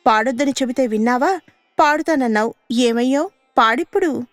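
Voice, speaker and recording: A woman's voice: high-pitched, normal speed, dry recording, lightly acted. A woman voicing a sly, cautious fox in a children's radio story, warning and mocking in a raised voice. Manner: warning, then jeering. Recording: dry studio radio recording with faint music.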